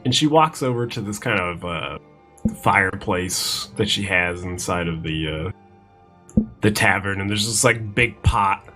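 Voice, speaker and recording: A woman's voice: rumbling low, a little slow, fairly bright tone, soft background music. A woman playing a tabletop game, describing her character's actions and bantering. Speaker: player.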